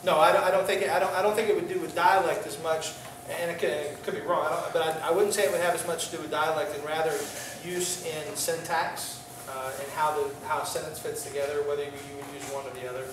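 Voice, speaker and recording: A man leads a relaxed church classroom lesson, stumbling through fillers and restarts and trading jokes with the students. He is picked up from across the room, and his voice rings in the big, echoey space. A faint hiss sits under the whole recording. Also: on the high side, recorded from a distance. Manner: halting, many fillers and restarts, jokey with students. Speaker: pastor teaching a Greek class. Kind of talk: informal classroom teaching.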